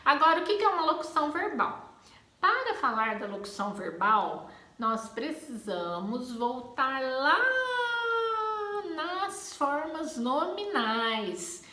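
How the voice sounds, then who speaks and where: Brazilian woman teaching grammar, bright voice, bit high, acts out exclamations. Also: expressive, slow, reverberant. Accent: Brazilian Portuguese. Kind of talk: grammar lesson video.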